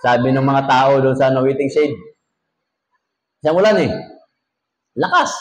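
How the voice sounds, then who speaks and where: A man's voice: medium pitch, moderate pace, roomy sound, poor audio. A man with a Filipino accent, a pastor preaching a sermon, telling jokey stories and reading scripture in English.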